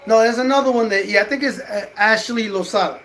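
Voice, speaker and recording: A man's voice: high-pitched, quick pace, a bit bright, a little hiss or hum, poor audio. A man of Puerto Rican heritage, a boxing content creator, talking casually on a livestream, emphatic and repetitive as he promotes himself. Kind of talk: casual livestream commentary, greeting viewers in chat.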